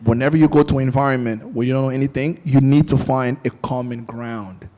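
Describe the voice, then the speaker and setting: Speaking briskly at medium pitch, a young Angolan podcast guest with Portuguese as his first language tells casual stories on a panel show. He brings them to life by animatedly quoting others.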